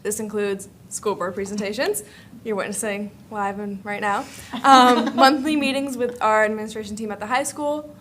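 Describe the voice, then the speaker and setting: In an indoor school board meeting room, a teenage student club member delivers an informal group presentation in a chatty, upbeat manner. Her medium-pitched voice is steady and fairly bright, at a moderate pace, and the public meeting recording carries faint room noise.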